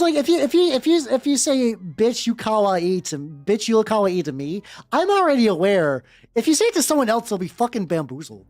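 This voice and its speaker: Over background music, a woman VTuber hosting a livestream reads fanfiction aloud, her fairly low voice a little mellow. She keeps breaking off into informal, sweary, rambling asides.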